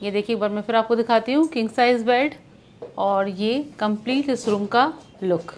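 A woman travel vlogger hosts a tour of a hotel's interior and restaurant, chatty and inviting as she points things out to viewers. Her voice is on the high side with a darkish tone, at normal speed, and there's slight background noise.

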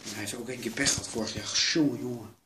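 A man commentates his role-play at a middling pitch. He sounds jumpy, swears a lot and keeps telling himself to stay calm, over a steady layer of background noise. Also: fast. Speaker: gamer doing a role-play.

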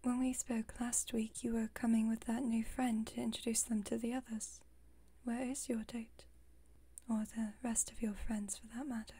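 Here the mood turns concerned and blunt as a woman voices a haughty yet playful vampire in an intimate ASMR roleplay. Her whisper is breathy, mellow, and a little high, kept fairly even. She teases in a formal, wry way but shows a protective side.

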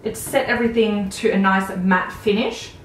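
Chatting eagerly about products as she does her makeup, a beauty vlogger in her thirties with an Australian accent films in a small room at home. Her medium-pitched voice keeps a moderate pace; the rough recording is echoey with a bit of hiss or hum.

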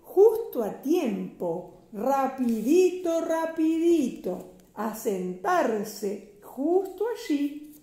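A woman's voice: sits high, big pitch swings, drawn-out words, warm tone, echoey room, pitched above the performer's own voice, full character voice. A woman voicing a tiny flea who runs a circus, announcing like a showman in a children's storybook reading. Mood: hurrying.

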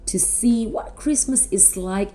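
A middle-aged woman talking to children like a kids show host, animated, with simple questions and drawn-out words. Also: mid-range voice. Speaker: children's presenter at a school Christmas service.

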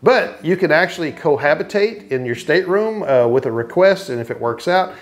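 Man in his fifties, travel vlogger, chatty with many "uh"s, slightly high voice, small cabin, webcam, faint music under. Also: expressive, moderate pace. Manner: chatty, many fillers and restarts. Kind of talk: casual travel recap to camera. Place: small cruise cabin indoors.

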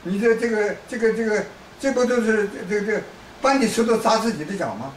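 Man from China, hectoring commentator, high-pitched; distant, roomy recording with faint background noise. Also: a little fast. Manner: lecturing, repetitive restarts, hectoring asides. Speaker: political commentator. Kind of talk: rambling political monologue.

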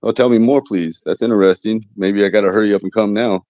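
Young guy rambling on his phone stream, low dark voice, dull dry lo-fi sound. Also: steady tone, quick pace, no room sound. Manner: rambling, joking, many fillers. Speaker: livestream host. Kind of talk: casual livestream chat. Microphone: phone close to face.

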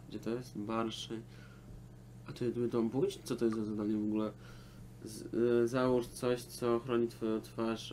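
A man's voice: lowish voice, darkish tone, slight background noise. A young Polish man giving casual, sweary commentary while he plays a video game. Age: young adult. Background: game music.

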